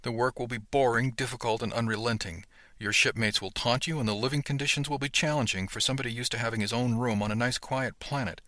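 Brief: man reading a gruff older woman captain, bright, dry read, barked orders. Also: mid-range voice, steady tone, quick pace, no echo, natural voice. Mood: stern. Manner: barking, clipped orders.

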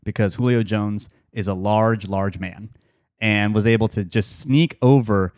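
A man's voice: on the low side, unhurried, a little mellow, dry recording, studio quality. Nasal, chatty male podcast host. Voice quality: nasal from cedar fever. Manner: chatty, joking, loose fillers and laughs. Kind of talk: casual sports podcast chat.

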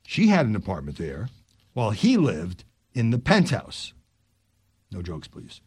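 An older man hosting a news podcast, reading stories aloud and dropping his voice low for quick asides. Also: slightly rough, no room sound. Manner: animated delivery, drops low for asides.

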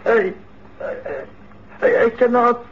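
Frail frightened man, very high voice, slow halting words, breathy, muffled radio sound. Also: steady tone, a little hiss or hum. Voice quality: breathy, stammering. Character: frail terrified Neapolitan man in hiding. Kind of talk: radio drama acting. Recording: muffled radio drama recording.

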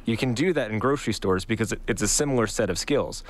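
A man's voice: on the low side, fast. A man co-hosting a talk radio show, speaking earnestly and emphatically in a conversational way. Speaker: radio co-host. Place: broadcast studio.

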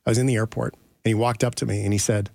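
A man's voice: fairly low pitch, steady tone, fast talker, vocal fry, a little mellow, no echo. A man hosting an interview podcast, telling anecdotes in a rambling, casual way with easy laughs. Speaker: podcast host. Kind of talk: casual storytelling.

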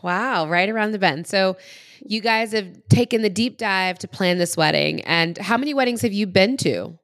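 At a moderate pace and medium pitch, this podcast host, who is also a wedding planner, keeps her interviews informal, chatty and encouraging. Her voice is animated, upbeat and a little bright.

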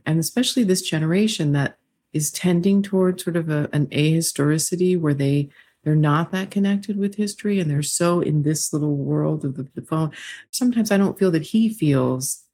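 Woman guest, gravelly and breathy, earnest and reflective. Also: low voice, normal speed, mellow. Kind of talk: podcast conversation.

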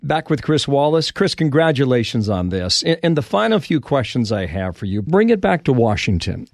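A male podcast host with a gravelly, mid-pitched voice asks conversational questions. He checks details with his guest as he goes. The sound is dry and close. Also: big pitch swings, normal speed, no room sound. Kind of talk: podcast interview.

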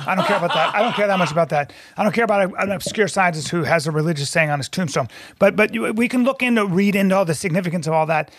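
Sarcastic high-voiced man, dry sound. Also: very fast, hardly any pauses, no room sound. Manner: sarcastic, skeptical, talks over others. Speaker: debate guest. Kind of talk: heated podcast debate.

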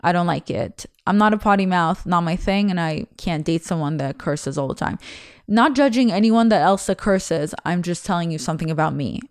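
A young woman whose first language is Russian hosts a podcast, delivering a casual confessional monologue about herself in a low-ish voice at normal speed. She's candid and chatty, rambling with restarts. The studio-quality recording has no room sound.

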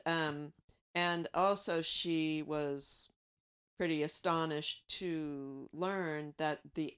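Deep-voiced woman retelling a book. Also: fairly bright tone, smooth. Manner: retells the book, hesitant with fillers. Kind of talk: casual chat.

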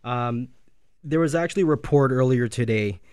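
Radio co-host, man, medium pitch, dry booth sound, earnest news-reading delivery. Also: normal speed, a little mellow, clear, resonant tone, no echo. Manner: earnest, reads out news reports. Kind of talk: casual radio talk on finance.

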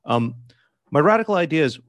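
A man on a political talk panel, speaking haltingly with many restarts while he lays out a hypothetical. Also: on the high side, sing-song, no echo. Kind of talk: political commentary.

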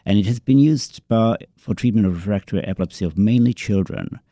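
A man being interviewed in a studio as a medical expert, explaining in a measured, halting way. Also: lowish voice, mellow, dry recording. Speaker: guest, neurologist. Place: radio studio.

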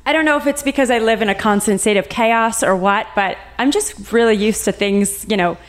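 A young woman chatting casually as a podcast guest, telling a story with quick laughs and acted-out quotes. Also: a little high. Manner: animated storyteller, laughs often, acts out quotes. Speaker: guest, recent bride.

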